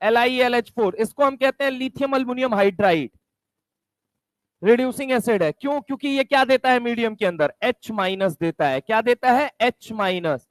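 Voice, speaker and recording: A man's voice: extremely high pitch, moderate pace, no room sound. Guy teaching chem in a mix, asks stuff then answers it, says over and over, dry close sound. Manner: asks and answers his own questions, repeats key terms; calls listeners "my brother". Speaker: chemistry teacher. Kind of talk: classroom lecture.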